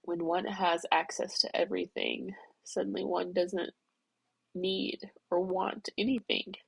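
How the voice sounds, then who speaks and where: Crying and congested, a middle-aged woman rambles through her thoughts in a personal vlog, reflecting on herself as she works things out aloud. She speaks unhurriedly in a lowish, creaky voice with a breathy edge and little pitch movement, and the audio is poor.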